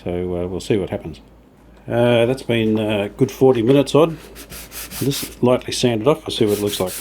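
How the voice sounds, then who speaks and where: As he works with his hands, a man who hosts a hobby radio restoration channel chats casually, thinking aloud in an understated, somewhat tentative manner. He has a darkish, medium-pitched voice and a moderate pace, and the sound of sanding and rubbing is clearly audible in the background.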